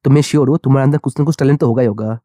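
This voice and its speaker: A man's voice: medium pitch, steady tone, rapid-fire, dark tone, no room sound, studio quality, natural voice. A man voicing an arrogant, jealous male musician villain who talks with haughty contempt in a manga recap. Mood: scornful.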